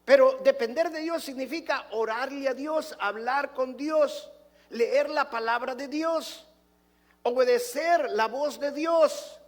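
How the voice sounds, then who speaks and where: A man's voice: extremely high pitch, slow, in a large hall. A man preaching a sermon as pastor, emphatic, asking rhetorical questions and acting out the people in his stories. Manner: acts out quoted dialogue in joke stories.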